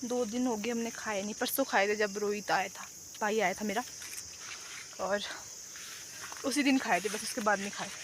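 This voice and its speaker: A woman's voice: mid-range voice, steady tone, moderate pace, long pauses, noisy background. A young woman chatting casually in a rambling vlog, speaking outdoors around a rural home and fields into a handheld phone. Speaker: vlogger.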